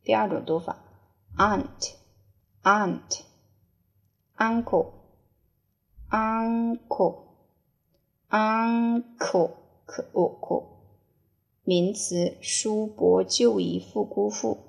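A woman runs a vocabulary spelling and dictation drill, spelling each word out and repeating it before giving its meaning. She speaks extremely slowly. Her voice has a gravelly, creaky edge. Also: medium pitch, lively intonation, darkish tone. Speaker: English teacher.

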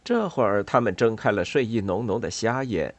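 Guy reading a kids story, calm, dry close mic. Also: lowish voice, normal speed, no room sound. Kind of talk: storybook narration.

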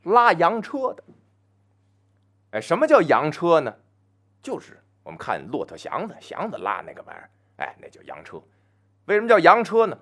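A man telling a traditional folk story on his own, chatty and full of asides, slowing down to chant opening verse. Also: a little high, wildly swooping pitch, fairly bright tone. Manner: chants verse slowly and grandly.

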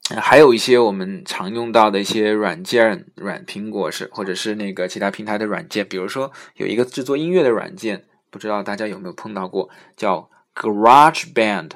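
A man hosting a casual spoken English lesson. He talks in a relaxed way with many fillers and slows down to spell out English words. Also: fairly low pitch. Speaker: podcast host teaching English words.

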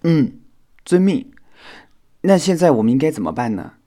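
A man's voice: a little high, big pitch swings, moderate pace, mellow, pitched above the performer's own voice. A man voicing a clumsy, sulky male insect in a children's audio storybook, talking in a whiny, apologetic way.

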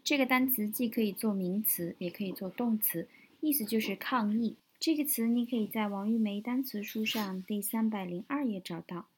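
A woman teaching English vocabulary from a news story, explaining words step by step, spelling them out slowly and repeating them. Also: mid-range voice, a little mellow, slight background noise, low-quality recording.

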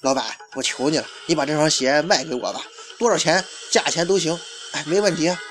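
A man's voice: a little high, brisk, a bit bright, soft background music, lightly acted. A man voicing a pushy young male sneaker collector who pleads and sucks up to a shopkeeper, in a storytelling retelling. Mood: pleading. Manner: pleading, chummy.

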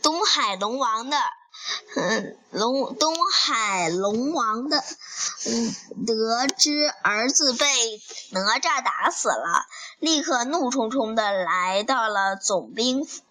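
A woman reading a children's story aloud in a halting way, with fillers and restarts. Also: on the high side, animated, sharp tone, low-quality recording.

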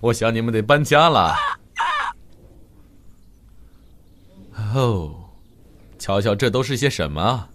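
A man voicing a cheerful, capable firefighter in a children's cartoon, expressive and reassuring. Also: on the low side, moderate pace, soft background music. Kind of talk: animated children's cartoon dub.

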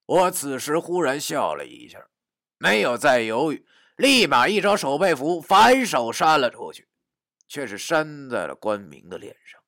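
A man narrating a first-person story, dramatic, dropping to a hush and rising to shouts. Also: fairly high pitch, measured pace, no room sound, clean studio sound. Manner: animated, dramatic, swings from hushed to shouting.

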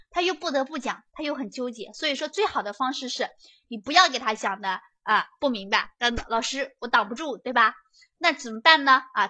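A woman giving a lively prep lecture, chatty and often checking that students follow along. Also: high-pitched. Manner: chatty, keeps asking students to confirm.

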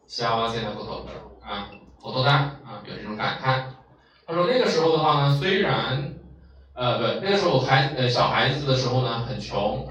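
A man's voice: mid-range voice, distant mic, slight background noise. Man teaching in an echoey room. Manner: lively, drawn-out explanations with many fillers. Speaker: Japanese vocabulary teacher. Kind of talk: explaining a language lesson.

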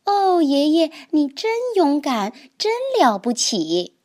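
A woman voicing an excitable little boy toad in a children's storybook. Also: takes it slowly, full character voice. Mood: excited. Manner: high, eager exclaiming.

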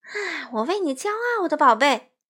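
A motherly figure from a picture book, gentle and a little hurried, with a slightly high voice, read by a woman. She corrects softly and praises kindly. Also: expressive, exaggerated voice. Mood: praising. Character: warm, busy mother animal.

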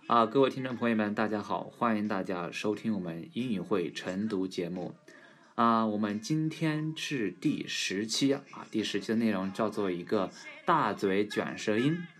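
Male pronunciation teacher, relaxed lesson, slow drawn-out example words, low voice. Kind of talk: casual English pronunciation lesson.

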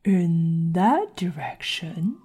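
A slow, drawling, grinning cat, as a woman puts it on. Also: lowish voice, animated, breathy edge, soft background music, heavily acted. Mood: teasing. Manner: slow, drawn-out, teasing delivery with hushed whispered words. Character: sly grinning cat, riddling and unbothered. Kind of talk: storybook reading.

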